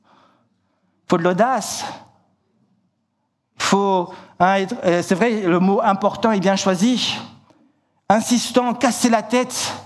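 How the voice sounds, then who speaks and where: A man preaching a sermon in church, telling a story vividly and acting out the shouted lines, often repeating words and restarting. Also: high-pitched, fairly even intonation, measured pace.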